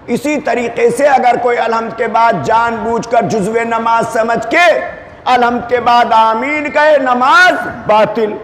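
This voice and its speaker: High-voiced preacher in an echoey hall. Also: male voice, steady tone. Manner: rhetorical questions, shouted emphasis. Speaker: maulana giving a majlis. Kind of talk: Muharram sermon. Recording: echoey hall with faint ambience.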